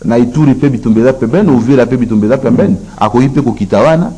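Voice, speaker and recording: A Congolese man, a guest commentator on a political talk show, airs his views very fast in a medium-pitched, dark, slightly rough voice, switching between Lingala and French. He gets emphatic and repetitive while listing his points, and the recording is low quality.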